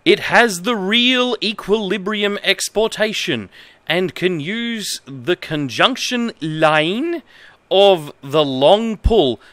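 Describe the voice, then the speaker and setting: An Australian man in his thirties streams casually from a desk in an indoor room, reading aloud in a halting, comedic way that sounds amused and emphatic. His voice is high and animated with a fairly bright tone, delivered slowly on a dry recording.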